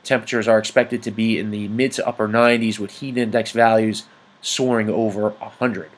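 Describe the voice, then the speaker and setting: A man presents an informal weather report over maps, speaking haltingly with frequent ums as he goes. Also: lowish voice, flat delivery. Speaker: amateur weather report host.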